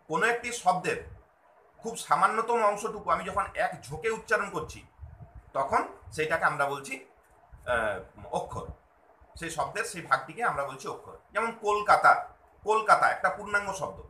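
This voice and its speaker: A man giving a patient grammar lesson, repeating key points slowly for emphasis. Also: high-pitched, bright, forceful tone. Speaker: language teacher. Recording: echoey room.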